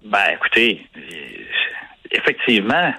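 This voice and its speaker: A man's voice: medium pitch, expressive, measured pace, bright, forceful tone, breathy edge, no room sound, rough recording. Emphatic Quebec French man, dry sound. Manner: insistent, emphatic, repeats points. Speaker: business association director. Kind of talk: radio interview guest.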